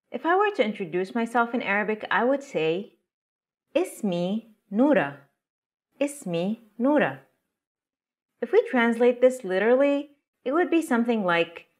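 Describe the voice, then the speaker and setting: A woman teaching a language lesson as the show's teacher, explaining grammar in a clear, deliberate way and slowing down for example phrases. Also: a little high. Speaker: Arabic teacher.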